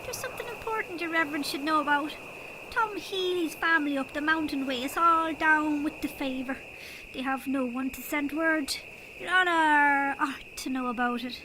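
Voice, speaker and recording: A woman's voice: high voice, normal speed, background noise, close to an everyday voice. A woman playing an ancient, sly but kindly male leprechaun king with an Irish accent in an audio drama. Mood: earnest, helpful.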